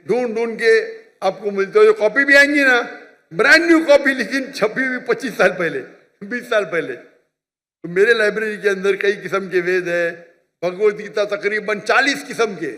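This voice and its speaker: A man's voice: sits high, sharp tone. Emphatic man lecturing in an echoing hall. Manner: lecturing, emphatic, repeats points with "you understand?". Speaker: Islamic speaker answering audience questions. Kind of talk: public question-and-answer talk. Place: large hall with an audience.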